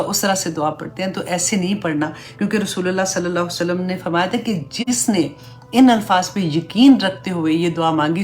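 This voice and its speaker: A woman teaching an Islamic class, slowly reciting Arabic prayer phrases and then explaining each one in an earnest, conversational way with English fillers mixed in. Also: on the low side. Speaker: religious teacher.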